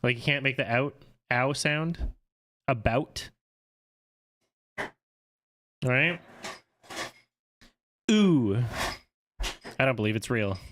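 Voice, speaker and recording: A man in his thirties from Canada chats casually on a live stream and cracks sarcastic jokes. His voice sits at an ordinary middle pitch. The talk is loose and off the cuff. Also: pushed and bright, slight background noise. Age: 30s. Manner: sarcastic, quick to joke. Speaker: guest film critic.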